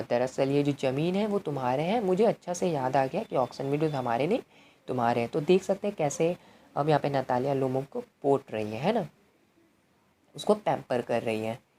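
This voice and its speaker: A woman with a low, mellow voice works through a play like a tutor. She reads each line aloud and then explains it in an easy, conversational way. There is a faint hiss of noise behind her. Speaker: English literature tutor. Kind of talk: explaining a play in Hindi with English quotes.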